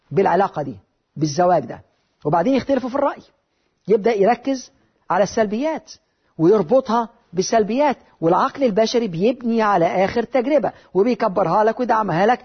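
A man with an Egyptian Arabic accent giving a motivational talk, lively and rhetorical, with repeated phrases. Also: high-pitched, husky, dull audio. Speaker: motivational speaker.

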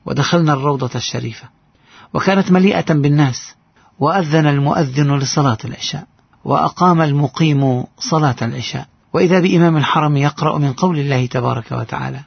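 A man's voice: on the high side, fast talker, gravelly, slightly rough, no echo, dull audio. A man narrating a heartfelt first-person story in an earnest voice.

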